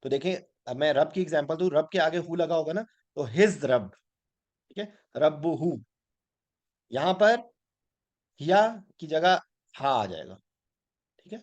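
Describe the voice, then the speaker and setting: A man's voice: on the high side, lively intonation, unhurried, long pauses, a little mellow, muffled recording. A man teaching a weekly Quran class, patiently explaining grammar and often checking "ठीक है?" as he mixes in English words.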